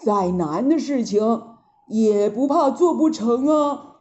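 A woman voicing a calm, kindly old male teacher in a storybook, speaking low and gently. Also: dull audio. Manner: low, slow, gentle speech.

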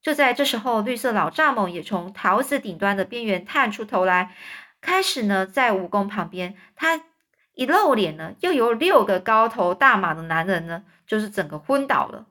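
A woman's voice: medium pitch, lively intonation, normal speed, sharp tone. A woman reading a children's book aloud and stopping to explain hard words. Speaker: storyteller for children.

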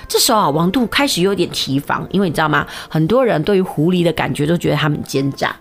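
A woman telling an old tale in a lively, conversational way with many fillers. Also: low-pitched, fast talker, soft background music. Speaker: storyteller. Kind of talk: storytelling narration.

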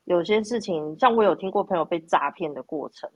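A woman's voice: lowish voice, expressive, a little fast, a little mellow. A woman with a Taiwanese Mandarin accent telling anecdotes in casual chat, quoting bits of dialogue as she goes.

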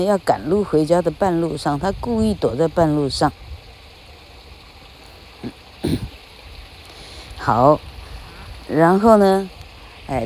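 A woman with a Taiwanese Mandarin accent, chatting casually as an English teacher, often laughing and spelling words out slowly. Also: low voice, a little mellow, slight background noise.

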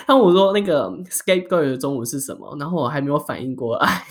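Low-voiced woman, casual Mandarin-English chat. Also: lively intonation, quick pace. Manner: code-switches into English mid-sentence.

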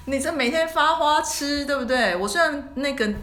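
A woman co-hosting a podcast, telling a story in a casual chat and acting out friends' lines in a lowered voice. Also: moderate pace, fairly bright tone, a little hiss or hum. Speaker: podcast co-host. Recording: echoey room.

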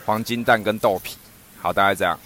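Animated man telling a funny story. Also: on the low side, a little fast. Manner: animated, laughs often, acts out quoted speech. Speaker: storyteller in a podcast chat. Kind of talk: casual anecdote telling.

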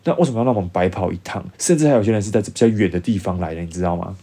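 Low-voiced young Taiwanese man storytelling. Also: racing, husky. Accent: Taiwanese Mandarin. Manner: animated, acts out dialogue in changed voices. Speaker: vlogger. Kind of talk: casual storytelling to camera.

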